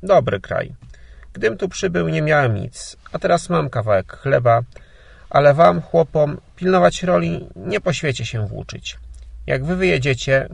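A man voicing a gruff but kind older emigrant gentleman in a storybook, talking brusquely and grumbling. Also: on the high side, dry recording, pitched above the performer's own voice, full character voice. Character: gruff, kindly old Polish emigrant gentleman.

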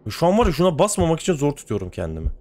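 A man's voice: fairly high pitch, wildly swooping pitch, racing, dark tone. A man giving let's play commentary as he plays, talking to himself and swearing often in exasperation. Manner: talks to himself while playing. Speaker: gaming channel host.

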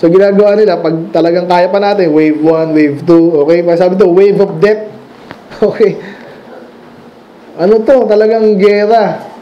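High-voiced preacher, chatty. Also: male voice, steady tone, normal speed, muffled recording. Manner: conversational, asks the congregation questions and laughs at his own stories. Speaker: pastor. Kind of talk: sermon. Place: church.

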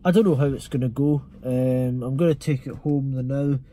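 A man's voice: medium pitch, steady tone, moderate pace, dark tone. A young man with a Scottish accent, chatting casually to camera from inside a parked car, rambling with many ums and restarts. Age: young adult. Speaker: vlogger. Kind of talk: casual vlog chat to camera. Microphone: camera mounted on the dashboard.

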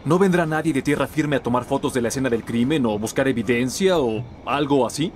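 A man's voice: mid-range voice, a little fast, lightly acted. An actor in his thirties playing a defensive, frustrated adult son in a dubbed film drama, with a Latin American Spanish accent. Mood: indignant. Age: 30s. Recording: film soundtrack with loud music behind. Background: loud music, vehicle noise.

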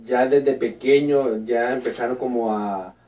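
Male radio host, soft dark tone, echoey distant studio sound. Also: mid-range voice, steady tone, unhurried. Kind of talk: hosting an interview. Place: small radio studio with red wall. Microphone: boom mic at a desk, headphones on. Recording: echoey room, voice picked up from afar.

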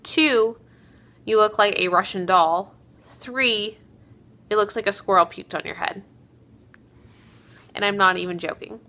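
A young woman chatting casually to her camera in a beauty vlog, upbeat with quick asides. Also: mid-range voice, sharp tone. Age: young adult. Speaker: beauty vlogger.

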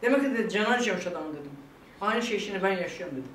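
An older woman talks quickly and with feeling, tearful one moment and laughing the next. She is recorded from some distance in an echoey room with faint noise behind her. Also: medium pitch, animated, a bit bright. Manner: tearful and laughing by turns, quoting others. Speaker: vlog guest talking about her illness. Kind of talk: emotional casual chat.

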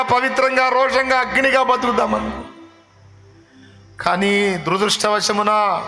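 A man preaching a sermon with passion, swinging between loud pleading and hushed tones. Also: high-pitched, creaky. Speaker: pastor.

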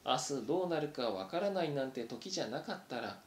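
A man reading aloud, voicing a brave young male mouse who speaks haltingly, choked with emotion, in a roomy recording. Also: medium pitch, expressive, slight background noise, natural voice. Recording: roomy echo.

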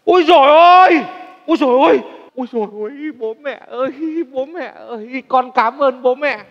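An actor playing a silly, excitable grown son who gushes and whines. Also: male voice, extremely high pitch. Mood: gushing. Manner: gushing, childish, quick. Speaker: comic actor in a sketch. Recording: dull stage sound with long reverb.

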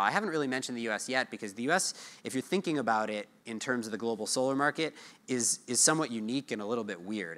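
An American man in his thirties, his voice fairly low and sharp, gives a conference keynote on a lapel mic from a large hotel ballroom stage. A market research analyst, he keeps it conversational, posing questions and answering them himself.

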